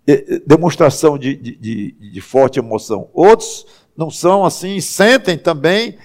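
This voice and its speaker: Preaching in a conversational style, this pastor's voice is on the high side with a darkish tone. He frequently stops and starts over, and he slows down whenever he wants emphasis.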